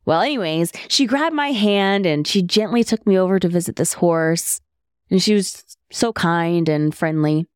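A woman hosts her podcast from a bedroom at home, telling a travel story in a lively, swooping voice that laughs easily. The sound is close and dry. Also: on the low side, smooth, no echo. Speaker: podcast host.

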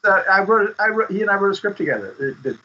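A man giving advice as a script consultant guest in a casual interview, speaking haltingly and often repeating words. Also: sits high, sing-song, bright, forceful tone. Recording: dull lo-fi audio.

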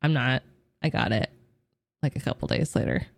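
A woman's voice: a bass voice, expressive, normal speed, gravelly, dry recording. A young woman co-hosting a podcast, sounding stuffed up and nasal from a cold, chatting bluntly and joking with casual swearing. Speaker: podcast co-host. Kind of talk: casual chat.

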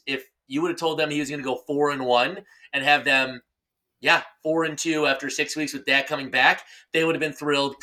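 Bright-voiced playful man talking football. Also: fairly high pitch. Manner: playful, teasing, rambling. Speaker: podcast co-host. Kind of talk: casual sports chat.

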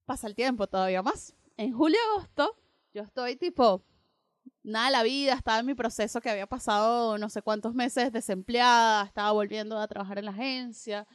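A young woman co-hosting a radio show, casually telling a personal story and acting out both sides of the dialogue in an animated way. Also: fairly high pitch, no echo, studio quality. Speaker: radio co-host.

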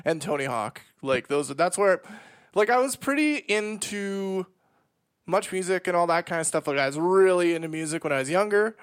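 A man with a Canadian accent in casual podcast conversation as co-host, recalling things in a halting, informal way. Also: high voice, expressive, clean tone. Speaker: podcast co-host and audio engineer. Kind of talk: casual chat.

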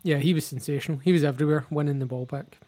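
A man's voice: a little high, steady tone, racing, warm tone. A man co-hosting a casual football podcast, opinionated and explaining the rules at length. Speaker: podcast co-host.

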